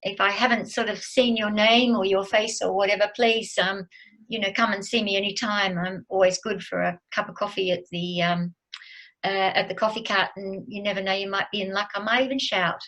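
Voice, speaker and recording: A woman's voice: medium pitch, fairly even intonation, moderate pace, fairly bright tone, rough recording. A woman in her seventies chats as a guest over a video call. She talks hesitantly, with many fillers and false starts. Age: 70s. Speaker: guest speaker. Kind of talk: casual chat on a video call.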